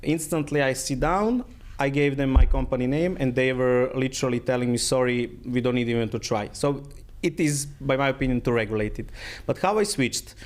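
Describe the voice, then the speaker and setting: A man's voice: medium pitch, brisk, hardly any pauses. A middle-aged man from Croatia, a guest in a casual interview, speaking in phrasing and often repeating his words.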